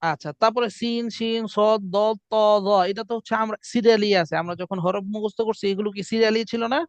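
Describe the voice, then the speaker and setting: A man's voice: sits high, steady tone, fast talker, smooth, no room sound. A man teaching a class, explaining pronunciation and drilling students with chanted call-and-response. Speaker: Quran recitation teacher. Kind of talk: classroom lesson. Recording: dry, muffled lo-fi sound.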